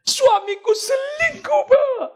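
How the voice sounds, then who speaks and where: A man voicing a distraught woman caller who complains in a shrill, tearful voice. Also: takes it slowly. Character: distraught woman caller, wailing and high-pitched.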